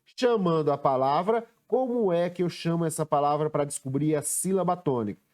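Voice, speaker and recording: A male teacher with a Brazilian Portuguese accent giving a recorded lesson, slowly sounding out words and stressing syllables. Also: on the high side, a little mellow.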